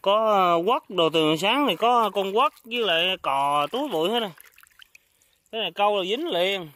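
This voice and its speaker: Speaking from behind his handheld phone on a muddy pond bank, a man with a southern Vietnamese accent chats casually while filming shrimp and snail catching, repeating short phrases often. His high voice is bright and forceful, lively in intonation, at a moderate pace.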